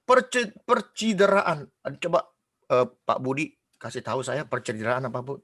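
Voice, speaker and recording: A man preaching a casual sermon, animated, quizzing the congregation and mimicking gossiping people. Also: mid-range voice, normal speed.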